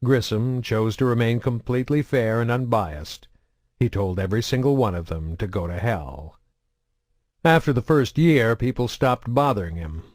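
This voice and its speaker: A man narrating a science fiction novel in a steady, measured reading style. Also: mid-range voice, no room sound, clean studio sound. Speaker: audiobook narrator. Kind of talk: audiobook narration.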